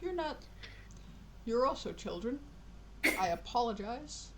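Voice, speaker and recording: A woman voicing a kindly, gentle male innkeeper who fusses over his guests in a warm, apologetic way. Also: on the high side, big pitch swings, a little slow, very noisy, pitched above the performer's own voice. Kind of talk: tabletop role-play voicing.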